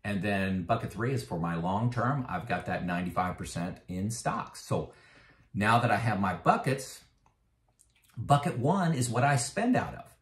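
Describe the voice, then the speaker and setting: In an echoey room, a man in his fifties explains his personal finances to camera for his retirement vlog. His fairly low voice has lively intonation and a moderate pace. He's casual and full of fillers, getting emphatic whenever he makes a point.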